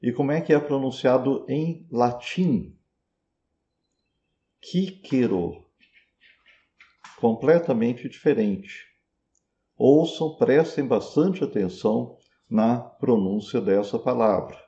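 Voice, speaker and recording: Slow Brazilian man teaching pronunciation. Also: medium pitch, dark tone, muffled recording. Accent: Brazilian Portuguese. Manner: patient, repeats words to model pronunciation. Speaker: Sanskrit teacher. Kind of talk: slow explanatory lesson.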